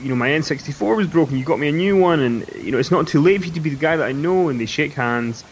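A man with a Scottish accent, co-hosting a casual podcast chat, telling stories in a relaxed way with hesitant restarts. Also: a little high, fast, a little hiss or hum. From Scotland. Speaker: podcast co-host. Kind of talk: casual wrestling recap chat.

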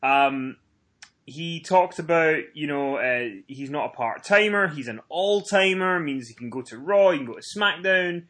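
A somewhat high, slightly bright male voice with lively intonation and a measured pace. He co-hosts a podcast reviewing wrestling, chatting casually and giving fan commentary in an emphatic, effusive, informal way.

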